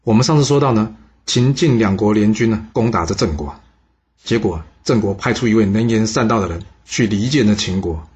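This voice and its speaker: A man narrating a story for a podcast in a lively way, with rhetorical questions and drawn-out particles. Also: lowish voice, slightly rough, lo-fi sound.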